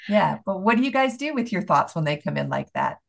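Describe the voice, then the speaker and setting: Gravelly-voiced woman host, encouraging. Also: lowish voice, very animated, a little fast. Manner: encouraging, asks guiding questions. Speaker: podcast host and life coach. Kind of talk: casual faith-based chat.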